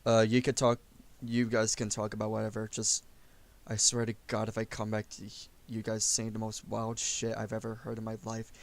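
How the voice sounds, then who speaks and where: A man's voice: on the low side, monotone, moderate pace, gravelly. A man hosting a casual online stream with friends, talking in a laid-back, mumbling, self-deprecating way over voice chat. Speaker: stream host. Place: home computer setup.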